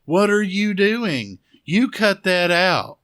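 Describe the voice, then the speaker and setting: A man's voice: sits high, expressive, slow, a bit bright, voice pushed up, full character voice. A man mimicking a startled young woman scolding someone she thinks is a prankster. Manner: exasperated scolding.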